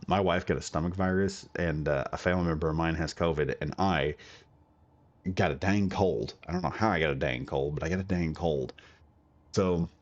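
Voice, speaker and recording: A man with a low-pitched voice, captured on dull-sounding audio, is a gaming video creator getting over a cold. Coughing now and then, he gives a rambling, chatty commentary on a game build, correcting himself as he goes.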